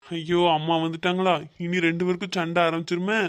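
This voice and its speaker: Woman voicing a cartoon father, mild, placating, lowish calm voice. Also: fast talker, natural voice. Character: mild, peace-making husband and father. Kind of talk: cartoon voice acting.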